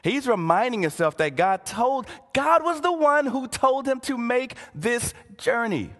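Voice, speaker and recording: Earnest male preacher, high voice with a wide swing, repeats himself for emphasis, sermon in a big echoing hall. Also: big pitch swings, measured pace, fairly bright tone. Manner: earnest, repeats words and keeps saying "listen". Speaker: pastor. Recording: long hall reverb.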